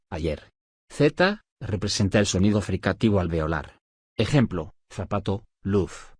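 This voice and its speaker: Deep husky male lesson narrator. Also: a little mellow, no room sound, clean studio sound. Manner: measured, list-like dictation with pauses. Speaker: audiobook narrator of a study syllabus. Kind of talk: scripted reading of spelling rules.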